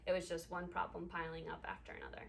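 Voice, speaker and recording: A woman in her twenties from Ecuador, a patient talking casually in an interview and pausing often with um. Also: lowish voice, completely flat delivery, gravelly. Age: 20s. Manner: hesitant, many ums. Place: clinic room.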